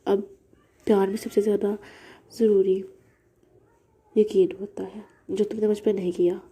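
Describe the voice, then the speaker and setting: A woman voicing a hurt young man who coldly scolds his lover, reading it in her own husky voice. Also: medium pitch, level tone, measured pace, mellow. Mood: stern. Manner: stern, reproachful.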